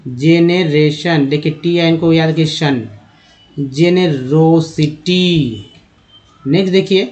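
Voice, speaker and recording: Man, raised pitch, slow and deliberate as a spelling teacher. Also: darkish tone. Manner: slow, syllable-by-syllable sounding out of words. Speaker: English teacher. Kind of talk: spelling and pronunciation lesson.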